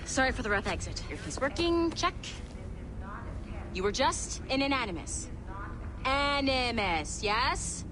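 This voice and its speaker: A woman's voice: high-pitched, big pitch swings, unhurried, long pauses, noisy background. A woman playing a brash, casual, sarcastic tech contractor in a video game. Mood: brisk, sarcastic. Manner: sardonic, casual, swearing.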